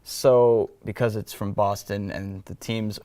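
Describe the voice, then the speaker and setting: Young man with a lowish voice. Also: little pitch movement, measured pace, warm tone. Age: young adult. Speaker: panelist. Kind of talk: casual panel discussion.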